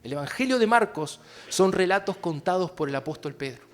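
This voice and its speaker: A pastor with an Argentine Spanish accent preaches a sermon straight to his congregation, shifting between hushed and loud, impassioned passages. His voice sits high, and he is expressive and brisk.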